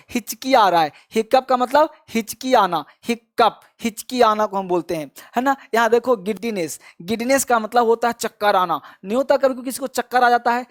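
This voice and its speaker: Male teacher, high voice, repetitive drilling style, encouraging. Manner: repetitive drilling, prompting listeners to repeat after him; frequent encouraging praise. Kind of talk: spoken vocabulary lesson.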